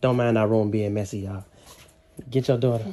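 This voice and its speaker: A man's voice: fairly low pitch, fairly even intonation, normal speed, warm tone. A young man chatting casually to camera in a family vlog, slangy, laid-back and teasing. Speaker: family vlogger.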